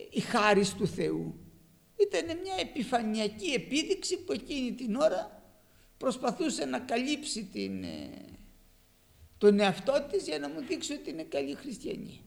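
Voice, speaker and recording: A man preaching a sermon with passion, moving between loud emphatic lines and quiet asides, with a gravelly voice. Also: sits high.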